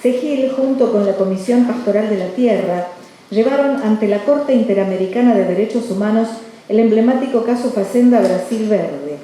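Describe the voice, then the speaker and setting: A woman serves as ceremony presenter, reading a formal script. Her tone is dark and mellow. The room rings with strong echo over a slight background noise. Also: medium pitch, moderate pace. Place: large echoey room at a ceremony. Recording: very echoey hall, faint noise.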